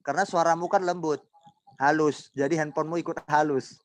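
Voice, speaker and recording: Male pastor leading an online sermon; loud, emphatic, playful, heard through a laptop mic. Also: a little high, steady tone, a little fast. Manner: loud, emphatic, says he talks loudly; teasing, imitates group members' voices. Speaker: pastor teaching a youth group. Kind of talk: online sermon to a group on video call. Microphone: laptop mic on a video call.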